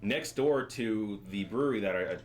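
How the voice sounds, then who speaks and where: A man's voice: fairly low pitch, moderate pace. A young man who works as a brewer, casually explaining beer styles with jokes. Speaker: brewer leading a beer tasting. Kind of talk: casual chat.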